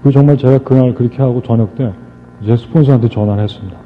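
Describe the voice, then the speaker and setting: A middle-aged man giving an animated storytelling speech to a live audience, joking with the crowd and acting out conversations. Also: mid-range voice, rapid-fire. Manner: animated, re-enacts dialogue and jokes with the crowd. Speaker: motivational speaker. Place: stage before a live audience. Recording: tinny lo-fi archive recording with faint music.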